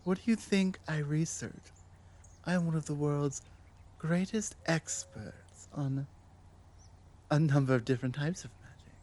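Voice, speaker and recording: A woman performs as an ancient, proud dragon scholar carrying guilt in an ASMR drama. Her low-pitched, mellow voice sounds proud and instructive, delivered with commanding care and dramatic, halting pauses.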